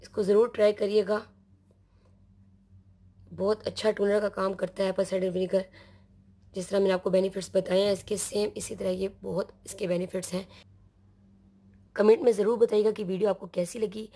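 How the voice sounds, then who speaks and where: Hoarse from a sore throat, a skincare channel host calmly walks through a homemade skincare remedy step by step, her strained voice sometimes dropping to a half-whisper. Her tone is mellow and low in brightness, and she talks fairly quickly but with long pauses.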